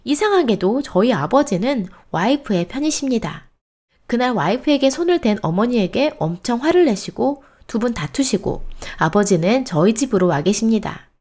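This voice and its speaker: A woman reads a reader's submitted post aloud as a storytelling host. Her voice sits fairly high, and her pitch rises and falls in a lively way. She keeps an expressive, steady reading cadence. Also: normal speed.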